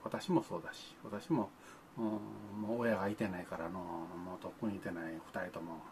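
A man's voice: low voice, fairly even intonation, fairly quick, a little mellow, a little hiss or hum. An older man, talking to children in a folksy, grandfatherly way, with old-fashioned speech and playful sound effects. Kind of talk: folksy monologue to the camera.

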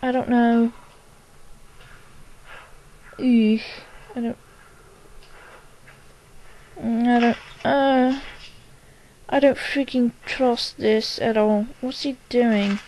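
A woman's voice: a little high, steady tone, extremely slow, long pauses, warm tone, a little hiss or hum, rough recording. A woman reacting to a horror movie, jumpy and exclaiming, often talking back to the screen. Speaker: reaction video maker.

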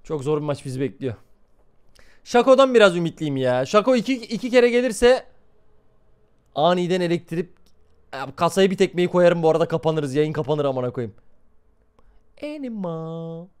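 Excitable, foul-mouthed young male streamer. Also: high voice, normal speed, long pauses, clear, resonant tone. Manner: excitable, swears constantly, talks to chat. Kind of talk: live gameplay commentary.

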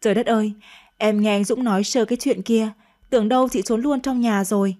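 A woman's voice: on the high side, fairly even intonation, fairly quick, mellow, natural voice. A woman reading a radio story, voicing a spiteful young sister-in-law with a needling, sarcastic way of talking. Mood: sneering.

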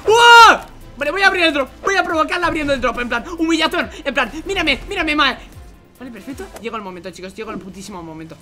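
A young man from Spain with a Spanish accent, doing excited gameplay commentary, going from hushed whispers to shouts and repeating himself rapidly. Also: very high voice. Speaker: gaming YouTuber. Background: music.

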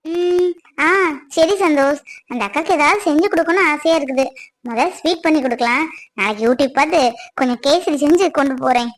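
A woman playing a young wife, worried, pleading, very high-pitched. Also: brisk, close to an everyday voice, poor audio. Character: anxious young runaway wife, self-blaming. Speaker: actor. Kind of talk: family comedy-drama acting.

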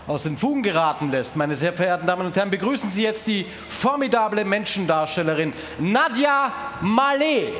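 A man's voice: high voice, expressive, fairly quick, fairly bright tone, slight background noise. A middle-aged man hosting, announcing the next act in grandiose style on an open-air stage, on a headset mic. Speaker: host.

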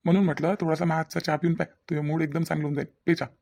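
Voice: mid-range voice, level tone, very fast, creaky, mellow. A performer voicing a young husband in a cartoon, coaxing and pleading, caught between wife and mother, with a Vidarbha Marathi accent. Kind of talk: cartoon voice acting.

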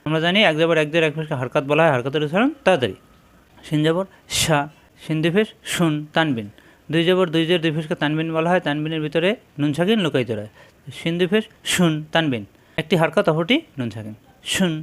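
A man with a Bangladeshi Bengali accent teaching Arabic letters, sounding out each syllable slowly and repeating it in drills. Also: on the high side, a bit bright. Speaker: Quran reading teacher. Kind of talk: slow spelled-out recitation lesson.

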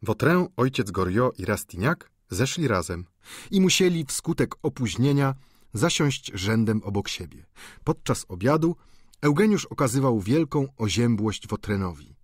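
A man narrating a classic novel as an audiobook, with expressive, measured storytelling. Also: medium pitch, slightly rough, no room sound, studio quality.

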